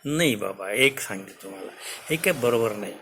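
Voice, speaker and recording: A man storyteller voicing the king's younger daughter, who placates her father softly but will not give way. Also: lowish voice, expressive, normal speed, slight background noise, voice pushed down. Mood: placating. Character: soothing but unyielding younger daughter of the king.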